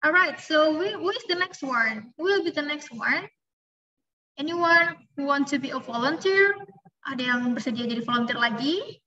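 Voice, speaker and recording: Bright high-voiced woman teaching online. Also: animated, normal speed. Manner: encouraging, calls on students one by one. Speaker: English class teacher. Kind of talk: online class moderation, mixing English and Indonesian. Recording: dull lo-fi online call.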